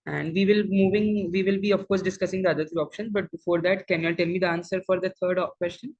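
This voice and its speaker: A mid-pitched exam coach of unclear sex with an Indian accent, teaching interactively online, mixing English with Hindi, repeating phrases and often checking that students follow. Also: fairly even intonation, quick pace, a little mellow, lo-fi sound. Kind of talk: interactive lecture, quizzing students. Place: live online class over video call.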